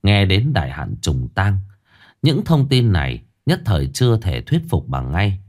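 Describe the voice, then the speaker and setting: A man's voice: low voice, huge pitch swings, unhurried, a little mellow. A man narrating a scripted horror story, dramatic and dwelling on gruesome detail.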